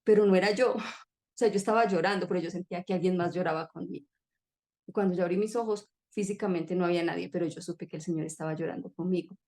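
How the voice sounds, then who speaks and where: A woman's voice: fairly low pitch, quick pace, a little mellow. A woman telling an emotional personal testimony in an earnest, heartfelt conversational way. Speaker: guest sharing testimony.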